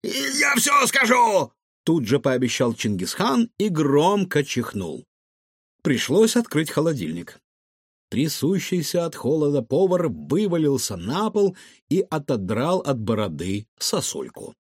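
A man reading a children's story aloud in a lively, expressive narration. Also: fairly high pitch, measured pace, breathy edge, no echo, clean studio sound. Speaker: audiobook reader. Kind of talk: scripted narration.

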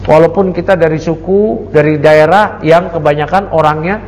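Gravelly male preacher in a reverberant hall. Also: on the high side, steady tone, moderate pace, a little mellow. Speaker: ustadz teaching a study circle. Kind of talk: sermon-style book study. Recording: long reverb, faint background noise.

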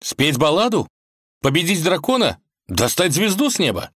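Guy putting on a squeaky eager young prince, animated, dry close sound. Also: measured pace, no room sound. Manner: high-pitched, breathless, pleading. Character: young male tsarevich, eager, excitable.

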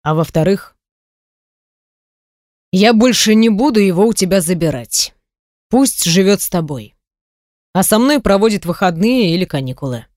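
A woman reading an audiobook voices a stern, proud middle-aged man, gruff and curt. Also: mid-range voice, lively intonation, normal speed, pauses often, a little mellow, dry recording, clean studio sound, natural voice. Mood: weary.

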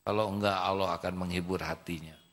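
A male preacher telling a story in a sermon, slowly and vividly acting out the characters. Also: deep voice, steady tone, fairly bright tone. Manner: slow storytelling, acts out voices. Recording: reverberant hall.

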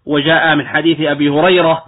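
A man's voice: a little high, level tone, quick pace. A man, an Islamic scholar, giving a religious lecture on jurisprudence and explaining points patiently, at times demonstrating wrong pronunciations. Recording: tinny phone-like lo-fi audio.

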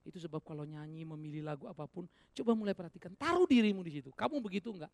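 A male pastor preaching a sermon, swinging between loud exhortation and hushed asides, with many rhetorical questions to the congregation. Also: sits high, lively intonation, rapid-fire, no room sound.

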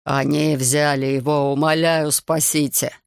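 Audiobook figure: distraught, pleading middle-aged merchant, voiced by a male narrator, gravelly tone. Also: fairly high pitch, flat delivery, no echo, clean studio sound. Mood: desperate pleading. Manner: desperate, pleading, slowed and broken. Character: distraught heavyset businessman, frightened pleading father.

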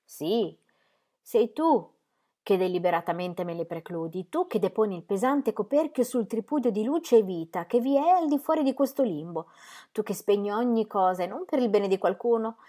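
A woman's voice: medium pitch, animated, normal speed, mellow, close to an everyday voice. A woman reading an audiobook, voicing a restless, demanding young male artist in impassioned, pleading outbursts.

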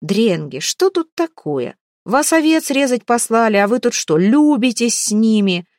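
A woman's voice: a little high, big pitch swings, unhurried, darkish tone, voice pushed up. A hard-eyed warrior leader, voiced by a woman narrator, fires off short, authoritative questions. The delivery is clipped and dry, recorded close with no echo. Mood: stern questioning. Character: stern red-bearded older warrior chief, commanding.

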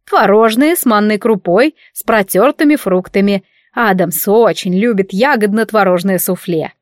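A woman voicing an overbearing, meddling middle-aged mother who speaks slowly and preachily in an audiobook. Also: medium pitch, dry recording, clean studio sound, natural voice. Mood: domineering. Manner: slow, domineering, preachy.

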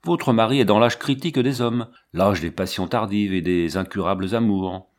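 Gossipy little viscount guy, naive chatterbox, low-ish voice, read by a man. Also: moderate pace, close to an everyday voice. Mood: chatty.

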